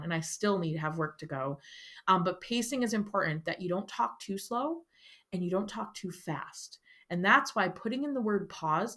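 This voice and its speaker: A woman's voice: fairly low pitch, a bit bright. A woman teacher giving a firm, instructive lecture to her students. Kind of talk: classroom lecture.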